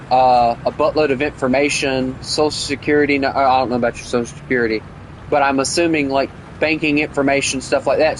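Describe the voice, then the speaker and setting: A young man with a Southern US accent and a mid-range voice chats casually with viewers while gaming, rambling, opinionated, and full of fillers. He's a gaming streamer, and the low-quality recording carries a bit of hiss or hum.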